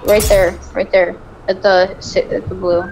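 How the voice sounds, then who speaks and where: A woman streamer chatting casually while playing, breaking into excited exclamations. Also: medium pitch, measured pace, background noise. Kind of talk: casual gaming chat.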